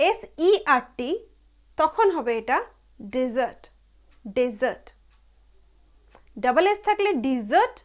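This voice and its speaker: A woman teaching English pronunciation, repeating each word slowly and with emphasis. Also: sits high. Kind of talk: slow pronunciation lesson.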